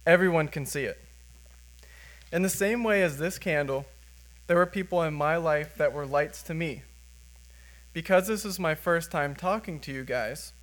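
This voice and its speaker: A man's voice: fairly high pitch, a bit bright. A young American man giving a sermon with personal testimony as a first-time preacher, speaking plainly and earnestly. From United States.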